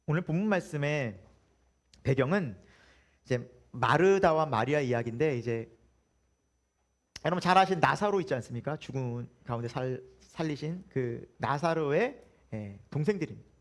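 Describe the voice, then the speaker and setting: Animated, high-voiced male pastor. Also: moderate pace. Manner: animated, humorous, full of rhetorical questions. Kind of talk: Sunday sermon. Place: church.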